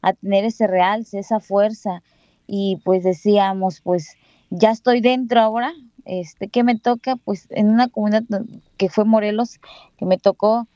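A Mexican schoolteacher, a bilingual woman with a Mexican Spanish accent, tells her story in an interview, hesitating often with fillers and restarts as she recalls her experience. Her medium-pitched voice is mellow and dark, with fairly even intonation. The recording is dry and somewhat muffled, with no room sound.

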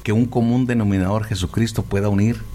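Low-voiced earnest pastor on radio. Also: male voice, steady tone, mellow, a little hiss or hum. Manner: earnest, fills pauses with "eh". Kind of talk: radio conversation. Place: radio studio. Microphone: studio microphone.

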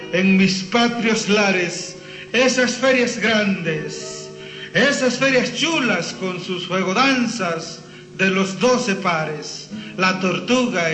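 A man from Mexico's Costa Chica with a coastal Mexican accent, reciting a long poem in a solemn, sing-song declamatory style. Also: sits high. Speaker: poet reciting. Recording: roomy, dull lo-fi recording with music. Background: music playing.

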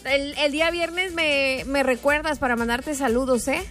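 A woman's voice: high voice, steady tone, normal speed, a bit bright, soft background music. A woman hosting a call-in radio show, chatty and upbeat, laughing with callers and pushing events. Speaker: radio host.

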